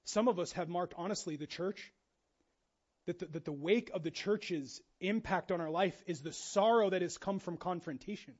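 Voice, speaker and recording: A man preaching a sermon as pastor, animated and jokey, acting out quoted voices with casual asides. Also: sits high, moderate pace, muffled recording. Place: church.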